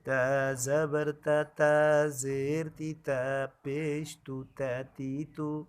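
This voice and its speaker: A man's voice: on the high side, little pitch movement, smooth. Man chanting syllable drills steadily. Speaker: student reciting drills.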